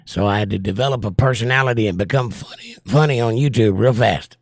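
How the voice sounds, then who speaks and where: An older man hosts a livestream, casually reading viewer comments aloud and answering them. His voice sits fairly low and moves fast, worn from years of trouble. The recording is dry, with clean studio sound.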